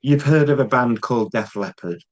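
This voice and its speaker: A man's voice: mid-range voice, expressive, normal speed, a little mellow, highs cut off. A man, interviewing a guest in a casual, jokey, self-deprecating way. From England.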